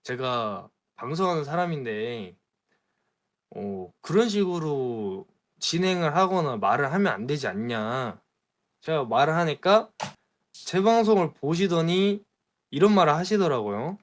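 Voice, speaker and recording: A man, a streamer, telling a story in a casual chat, animated and aggrieved. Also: on the high side, measured pace. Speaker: streamer guest.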